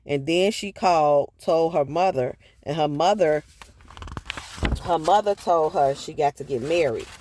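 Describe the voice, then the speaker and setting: A man's voice: fairly high pitch, a little slow, a little mellow, slight background noise. A man casually retelling a book chapter for his viewers, in a loose, chatty way with asides to the audience. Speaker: book review vlogger.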